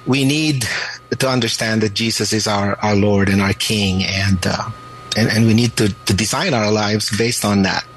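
A man in his late fifties, a pastor born and raised in the Philippines, answering radio interview questions in a halting way, with many restarts and fillers. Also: on the low side, steady tone, a bit bright, low-quality recording.

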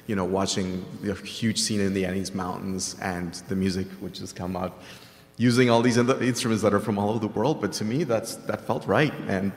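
A man from Venezuela with a very deep voice talks earnestly about his craft on a discussion panel. His voice carries through a large hall with a long, ringing reverb. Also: fairly even intonation, brisk. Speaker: game composer and multi-instrumentalist.

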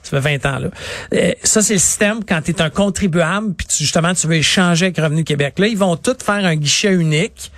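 A middle-aged man with a Quebec French accent, an IT consultant explaining things in an animated way on a talk show. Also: sits high, brisk, no room sound, studio quality. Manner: animated, explanatory, acts out clients in quotes. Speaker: IT consultant guest. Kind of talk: radio talk interview.

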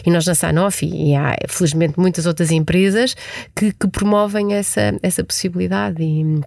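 A woman's voice: fairly low pitch, steady tone, moderate pace, creaky, darkish tone, no room sound. A woman in her forties with a European Portuguese accent, answering interview questions reflectively, often restarting her sentences. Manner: reflective, frequent restarts and hesitations. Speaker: podcast guest, executive.

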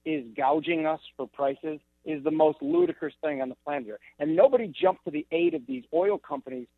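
A man's voice: on the high side, a little fast, creaky, no echo. Exasperated man on a tinny line. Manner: exasperated, animated. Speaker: guest analyst. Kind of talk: remote TV interview. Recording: tinny phone-like remote line.

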